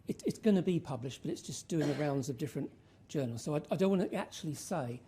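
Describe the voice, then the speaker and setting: A woman's voice: low-pitched, animated, fast talker, dark tone, a little hiss or hum. A woman giving an informal research presentation to an audience, using rhetorical questions and emphasis. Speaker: conference speaker.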